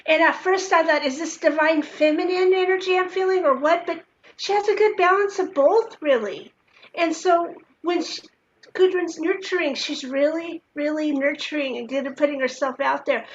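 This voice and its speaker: A woman's voice: sits high, moderate pace. A woman hosting a casual interview, introducing her guest in an effusive, admiring way. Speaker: host. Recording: lo-fi with faint hiss.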